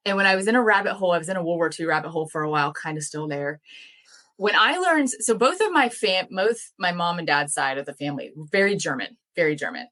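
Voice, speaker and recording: Her pitch is fairly low and a little bright, and she talks fast and animatedly. A young dairy farmer and language educator from the United States, she's being interviewed on a casual podcast, enthusiastically chatting about her farm and language work with frequent fillers.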